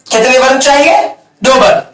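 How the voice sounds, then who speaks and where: A man's voice: extremely high pitch, fairly even intonation, normal speed, a bit bright. A man teaching a grammar lesson at a board, asking questions and answering them himself, stretching out key words. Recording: echoey room, mic far off.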